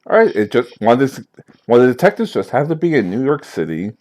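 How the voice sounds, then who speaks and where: A man's voice: medium pitch, fast talker. A man narrating as game master for a tabletop game, often correcting himself mid-sentence. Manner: lively, self-correcting narration.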